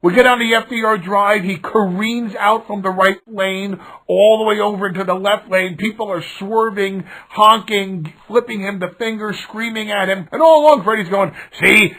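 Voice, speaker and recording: A man telling a lively anecdote aloud, rising to shouts at the high points. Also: moderate pace, hardly any pauses, rough recording. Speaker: storyteller.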